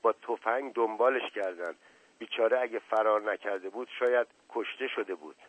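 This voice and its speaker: An anxious teenage girl, put on by a male reader, speaks in a hushed, worried rush. The voice drops softer than the narration, recorded dry and close. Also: on the low side, husky, dry recording, narrow, tinny audio. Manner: hushed, hurried.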